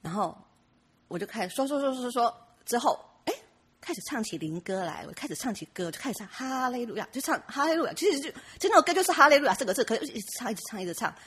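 A woman's voice: a little high, sing-song, quick pace, fairly bright tone, breathy edge. A woman giving a personal church testimony, chatty and full of restarts and laughs.

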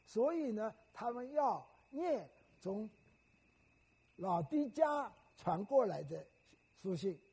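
A man's voice: high voice, very animated, slow, warm tone, breathy edge. An older man preaching a sermon in a teacherly way, often putting questions to the congregation.

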